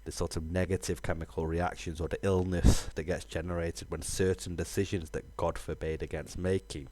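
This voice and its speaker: Low, rambling streamer guy. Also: flat delivery, a little mellow. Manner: rambling, halting, heavy on fillers. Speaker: game streamer. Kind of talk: casual live-stream chat.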